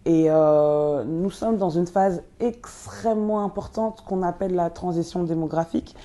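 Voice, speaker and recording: A young woman who grew up in Belgium and was born in Congo, answering interview questions with many pauses and fillers. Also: fairly low pitch, mellow. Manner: hesitant, many fillers and restarts. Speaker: guest, nonprofit co-founder.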